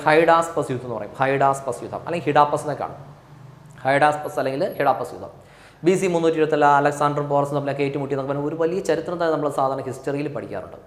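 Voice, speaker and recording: A male teacher with a Malayali accent giving an exam coaching lecture, repeating key answers slowly for drilling. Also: a little high, roomy sound.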